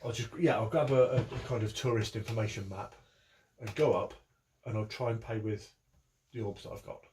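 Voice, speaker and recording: A man talks through his character's plans at a tabletop game, rambling and joking with restarts. His voice is low and sounds a little away from the mic. Faint background noise sits behind him. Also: fairly even intonation, brisk, darkish tone, distant mic. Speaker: player. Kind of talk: casual tabletop role-play.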